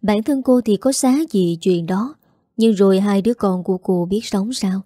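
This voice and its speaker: A woman narrating a dramatic audio story in a steady storytelling way. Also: mid-range voice, moderate pace, dry recording, clean studio sound.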